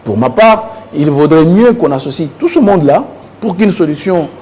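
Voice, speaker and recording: A man with a Congolese accent speaks as a panelist offering political commentary in French, in a political debate setting, repeating words while he searches for phrasing. His voice is fairly high and a little mellow, with lively intonation at a normal speed. The studio recording is clearly noisy.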